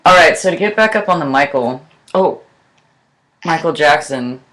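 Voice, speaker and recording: Bright, lively-voiced young woman, blunt. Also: low-pitched, normal speed. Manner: blunt, profane, laughs often. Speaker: podcast co-host. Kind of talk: casual chat.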